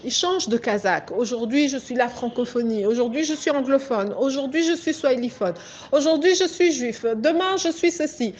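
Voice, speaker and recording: Speaking to viewers in a fairly high-pitched, darkish voice, a Congolese woman activist gives a pleading, emphatic political monologue, frequently checking in with "ok?". The audio is dull and lo-fi.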